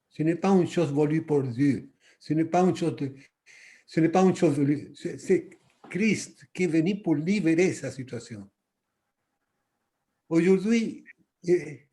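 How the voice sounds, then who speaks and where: A man with a Latin American Spanish accent speaks halting non-native French, searching for words and repeating himself as he reflects at a church workshop. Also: fairly high pitch, warm tone.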